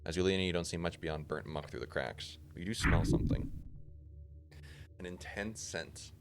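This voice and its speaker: A man's voice: sits low, quick pace, heavy background noise. A man streaming a video game, reading its text aloud casually with muttered asides and swearing.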